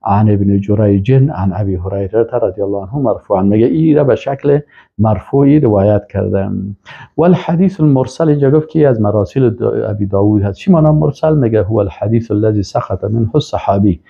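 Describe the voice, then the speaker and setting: A man's voice: fairly low pitch, vocal fry. A man teaching Islamic studies, reading Arabic phrases aloud and then explaining each one with emphatic rises. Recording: dull lo-fi recording.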